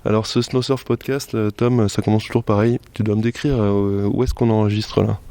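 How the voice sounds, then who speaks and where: A man hosting a podcast interview, asking relaxed, friendly questions with fillers. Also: lowish voice, moderate pace, clean tone, dry recording. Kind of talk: casual interview.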